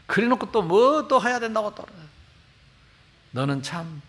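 Animated middle-aged man preaching with dialect. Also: sits high, a little slow. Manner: colloquial storytelling, animated and emphatic. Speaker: pastor. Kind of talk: sermon. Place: church sanctuary.

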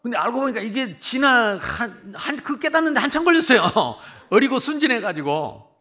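A man in his sixties from the Jeolla region of South Korea, preaching a sermon as pastor with animated storytelling that swings from loud to hushed. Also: extremely high pitch, normal speed. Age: 60s.

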